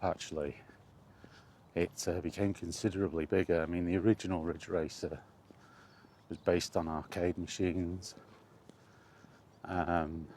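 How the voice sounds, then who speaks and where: Low-pitched and darkish in tone, a middle-aged gaming vlogger gives a casual, wandering, reflective monologue about video games. He often repeats phrases for emphasis, and background ambient noise is clearly heard.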